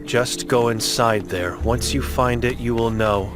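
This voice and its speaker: A man's voice: medium pitch, steady tone, unhurried, soft background music, lightly acted. A man voicing an old blind mute woman in a game, grim and guilt-ridden, speaking in terse, broken phrases.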